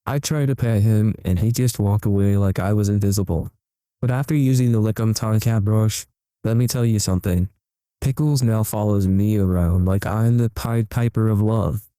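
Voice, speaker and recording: Very dark-voiced man, a besotted cat owner acted out. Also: fairly low pitch, moderate pace, no echo, natural voice. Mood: proud, confiding. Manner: melodramatic, reverent sincerity. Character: earnest, overexcited male cat owner giving infomercial testimonial. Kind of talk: parody infomercial testimonial.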